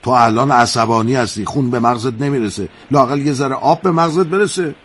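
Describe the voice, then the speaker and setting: A middle-aged innkeeper, husky, fatherly, moralizing, soft-hearted peacemaker in a TV drama. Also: mid-range voice. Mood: soothing. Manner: fatherly, moralizing, quotes sayings. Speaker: guesthouse host mediating between feuding brothers. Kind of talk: television drama acting.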